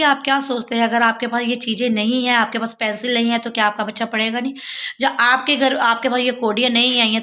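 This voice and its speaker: This devotional vlogger, a middle-aged woman from Jammu, India, pleads and explains to her viewers in a casual, earnest way despite a sore throat. She sounds a little high, bright and forceful.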